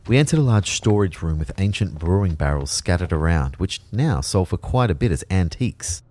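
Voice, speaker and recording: An actor with a deep, very animated, slightly mellow voice speaks fairly quickly as an anxious everyman narrating a sci-fi audio drama. His scripted first-person narration is wry, understated, and uneasy.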